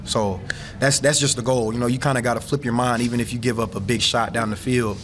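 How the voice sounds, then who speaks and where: Fast-talking young football player. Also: male voice, medium pitch, steady tone, background noise. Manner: fast, casual, lots of "you know". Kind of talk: post-game press conference. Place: press room, seated at table. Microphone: table mic.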